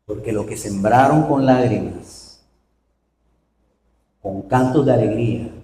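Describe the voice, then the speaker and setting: A man preaching a sermon in a church, animated, with rhetorical questions to the congregation. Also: fairly low pitch, slow. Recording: roomy hall, voice from far off.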